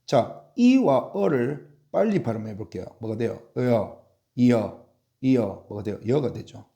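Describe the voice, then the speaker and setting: A man's voice: mid-range voice, big pitch swings, moderate pace, gravelly, dark tone. A man teaching English spelling in a classroom drill, spelling out letters one by one and asking and answering his own questions.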